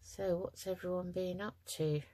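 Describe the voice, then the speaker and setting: A woman's voice: lowish voice, steady tone, moderate pace, warm tone. A middle-aged woman hosting a craft channel, talking casually and hesitantly through her project with many ums, tired and yawning. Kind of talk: casual crafting tutorial chat.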